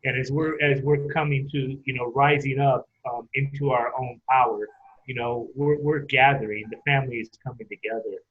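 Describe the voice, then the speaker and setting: A man co-hosting a podcast, gently thanking the guest and signing off the show. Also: mid-range voice, fairly even intonation, normal speed, breathy edge. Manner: gentle, wrapping up with thanks and sign-off. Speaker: podcast co-host. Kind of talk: casual interview chat. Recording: tinny phone-like line.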